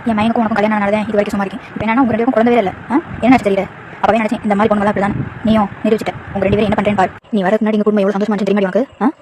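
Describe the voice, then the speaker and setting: A woman's voice: mid-range voice, little pitch movement, racing, noisy background, lightly acted. Woman playing a nagging, bitter mother-in-law. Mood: scolding. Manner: reproachful, nagging, hurled rhetorical questions.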